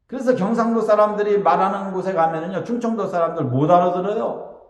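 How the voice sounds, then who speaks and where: A man's voice: high-pitched, fast. A man from Chungcheong preaching a Sunday sermon as pastor, emphatic and repeating his key phrases with short affirming asides. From Chungcheong, South Korea. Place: church sanctuary. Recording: echoey reverberant church hall.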